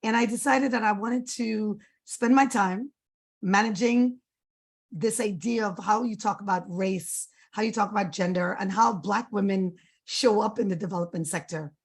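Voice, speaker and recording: A woman's voice: mid-range voice, moderate pace, slightly rough. A woman from Trinidad and New York introducing herself on a panel in a plain-spoken, conversational way. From Trinidad and Tobago and New York. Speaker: panellist, development consultant. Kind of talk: informal self-introduction on a panel.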